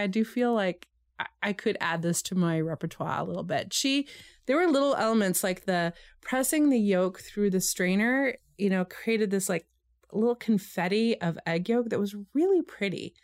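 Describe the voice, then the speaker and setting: A woman's voice: mid-range voice, lively intonation, no echo, studio quality. A woman co-hosting a podcast, chatting casually and reflectively about a historical recipe. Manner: reflective, reads quotes aloud slowly. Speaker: podcast co-host.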